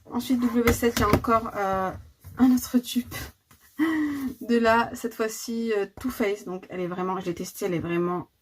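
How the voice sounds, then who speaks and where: A woman's voice: on the high side, fairly even intonation, moderate pace. A woman, casually showing her makeup collection in a vlog, chatty and full of fillers and repeated words. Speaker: beauty vlogger. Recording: noticeable background noise.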